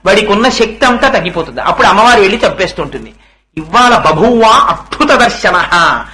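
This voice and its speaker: A man giving a devotional sermon on scripture, chanting verses slowly and asking his listeners rhetorical questions. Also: sits high, sharp tone, poor audio. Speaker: religious discourse speaker.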